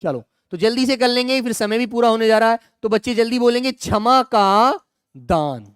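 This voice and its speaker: A middle-aged man teaches an online exam-prep grammar class in a smooth, resonant voice. He drills each example, repeats the words and keeps urging students to answer quickly. The sound is close and dry. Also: extremely high pitch, animated, a bit bright, no room sound.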